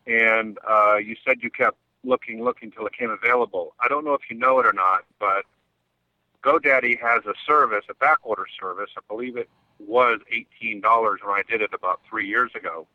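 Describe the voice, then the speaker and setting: A man leaving a voicemail for a call-in show, talking in a conversational, slightly halting way. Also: mid-range voice, lively intonation, no room sound. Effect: played voicemail message. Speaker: caller. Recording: dull lo-fi voicemail line.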